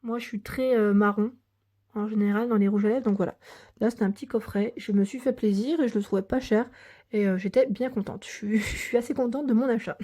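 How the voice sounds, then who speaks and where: A woman's voice: on the high side, mellow. A young woman with a daughter chatting casually through a shopping haul, hesitant and full of fillers. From France.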